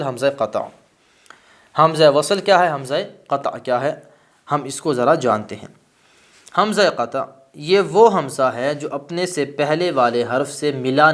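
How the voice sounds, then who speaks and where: High-voiced male grammar teacher. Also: fairly bright tone. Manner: asks rhetorical questions and answers them himself; slows down to spell out example words. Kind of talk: classroom grammar lesson.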